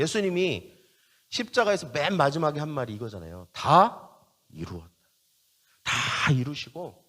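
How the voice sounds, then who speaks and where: A male pastor preaching a sermon, emphatic, repeating key phrases and putting questions to the congregation. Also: a little high.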